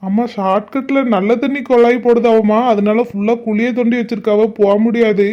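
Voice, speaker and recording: A woman's voice: on the high side, steady tone, a little fast, natural voice. A woman voicing a meek male driver, dull audio. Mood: deferential. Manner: meek, deferential. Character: deferential male family driver, adult.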